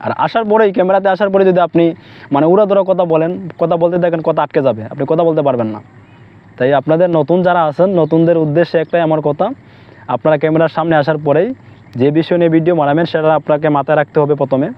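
A man's voice: on the high side, steady tone, quick pace, muffled recording. A man giving rambling, repetitive casual advice to camera, with many restarts. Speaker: vlogger.

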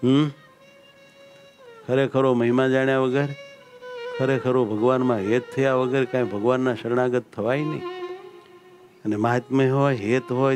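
A man's voice: mid-range voice, darkish tone. A man with a Gujarati accent, a swami giving a scripture discourse to a temple assembly, preaching emphatically and repeating key phrases. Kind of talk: sermon.

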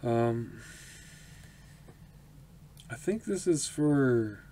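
A man in his twenties, host of an autograph collecting channel, opens his mail for a home vlog in a small indoor room. His medium-pitched, dark voice has lively intonation and drawn-out words, and he's chatty and upbeat, laughing often and saying um a lot. The recording is a noisy home one.

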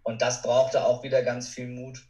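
A man appearing as a podcast guest and courage expert gives earnest, reflective interview answers, repeating himself for emphasis. His medium-pitched voice has a darkish tone, a completely flat delivery, and a normal speed, and he sounds roomy and distant from the mic.

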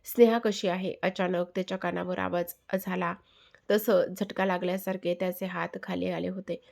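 A woman narrating an emotional family story in a soft, unhurried reading with small hesitations. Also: lowish voice, monotone, creaky.

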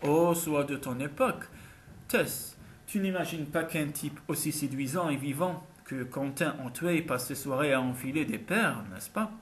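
A woman's voice: deep voice, normal speed, a little hiss or hum, close to an everyday voice. A man reading an audiobook, voicing a confident, teasing young woman singer who is set on getting what she wants. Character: self-assured ambitious young woman singer. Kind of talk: audiobook character voice.

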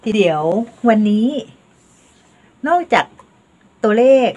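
An older woman leads a home language lesson at an unhurried pace. Her voice is breathy and lowish, and her pitch rises and falls a lot as she coaches listeners through slow counting drills. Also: sing-song, darkish tone. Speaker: Teochew language teacher.

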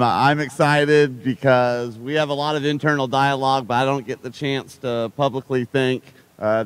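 A man's voice: mid-range voice, clear, resonant tone, dry recording. A man who coaches a soccer team gives an earnest, grateful thank-you speech at an outdoor stadium ceremony, through a stadium microphone.

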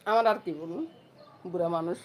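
A woman's voice: lowish voice, a little fast. Middle-aged woman, casual vlog chat, keeps checking viewers follow, phone camera, light background noise. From Noakhali, Bangladesh. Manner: chatty, often asks viewers "understand?". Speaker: vlogger. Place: home.

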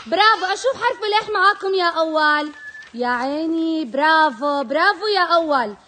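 Brief: high-voiced woman teacher, energetic and loud with small kids, noisy classroom of children all around. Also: fairly quick, over a noisy crowd. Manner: energetic, calls out loudly to children. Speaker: kindergarten teacher. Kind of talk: classroom call-and-response lesson.

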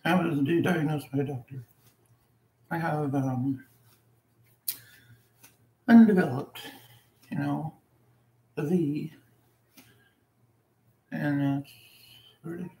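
A woman's voice: low voice, slow, pauses often, mellow. A woman talking casually in a rambling home vlog, chuckling often as she lies down at home. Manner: chuckles often, loose and meandering. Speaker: vlogger and karaoke singer. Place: at home, lying down. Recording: roomy home recording with faint ambience.

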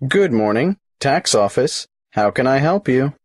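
Man, tax clerk in a scripted exam dialogue, lively pitch, dry studio sound. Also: a little slow, dry recording. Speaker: tax office employee in a recorded exam dialogue.

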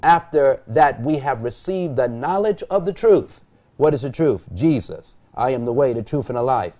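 Dark-voiced male pastor teaching scripture. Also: mid-range voice, lively intonation, normal speed. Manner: reads scripture aloud, poses rhetorical questions and answers them. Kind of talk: Bible teaching on a TV panel. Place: TV studio set at a desk.

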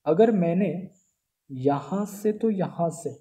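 A man giving a math lecture, explaining step by step and asking and answering his own questions. He states each theorem slowly and deliberately. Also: high-pitched, animated, mellow. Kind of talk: classroom math lecture, Hindi mixed with English.

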